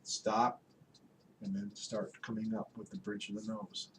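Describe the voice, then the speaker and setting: A man teaching a drawing lesson, relaxed and instructive, talking as he works and pointing out each line. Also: lowish voice, unhurried, a little hiss or hum. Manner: relaxed, instructive, talks while working with frequent pointing words. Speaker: art instructor. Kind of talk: drawing tutorial walkthrough.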